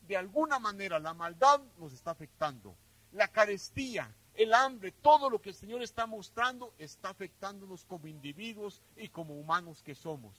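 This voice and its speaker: Male pastor, high voice, emphatic sermon delivery with loud-soft swings. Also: lively intonation, moderate pace, rough recording. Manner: addresses listeners as brothers and sisters.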